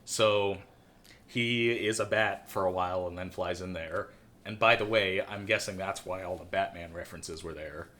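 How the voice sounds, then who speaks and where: A man's voice: deep voice, fairly even intonation, normal speed, sharp tone. Rambling sarcastic man reviewing a movie. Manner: rambling, sarcastic, lots of fillers. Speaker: podcast co-host. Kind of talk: casual movie-review chat.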